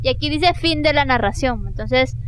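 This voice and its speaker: High-voiced woman reading fanfic with crude jokes. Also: moderate pace, a little hiss or hum. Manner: blunt, crude joking, reads with playful put-on voices. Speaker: podcast co-host reading a fanfic aloud. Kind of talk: casual comedic chat and dramatic reading.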